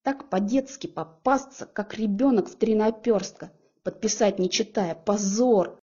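A woman narrating a first-person audiobook in a lively, expressive storytelling manner. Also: medium pitch, unhurried, slightly rough, lo-fi sound.

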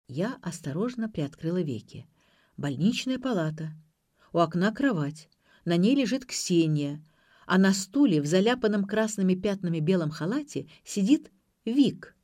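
A woman narrates a first-person audiobook with a low, mellow voice. Her delivery is even and measured. Her tone is warm and unhurried. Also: no room sound, studio quality. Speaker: audiobook reader.

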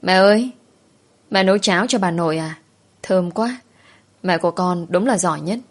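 A woman's voice: fairly low pitch, normal speed, natural voice. A woman voicing a cheerful little girl who chats sweetly with her mother. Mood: sweet chatter.

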